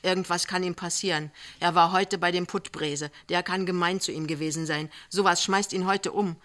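An anxious young wife, as a reader puts her on for an audiobook, earnest and pleading. Her words press forward with urgent emphasis, in a bright, forceful tone. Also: medium pitch, fairly even intonation, moderate pace, natural voice. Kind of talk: audiobook character reading.

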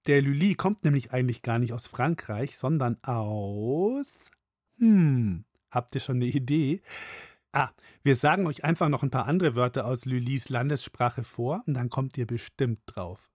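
A man's voice: medium pitch, unhurried, a little mellow, no echo, clean studio sound. A man hosting a children's audio program, speaking directly to young listeners and quizzing them. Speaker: host explaining to children. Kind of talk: friendly explaining to kids.

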